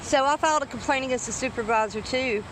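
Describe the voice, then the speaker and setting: Casting: woman, country Southern drawl, folksy, emphatic street conversation, clear traffic noise behind. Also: high voice, fast talker. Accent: rural Southern US drawl. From Tennessee, southern United States. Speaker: independent journalist filming police encounters. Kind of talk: casual conversation.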